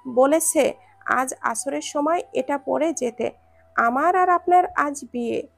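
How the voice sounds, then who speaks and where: A woman voices a childish, giggling girl in a storybook reading. Her speech is playful and high, with a gravelly edge. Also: slow, full character voice.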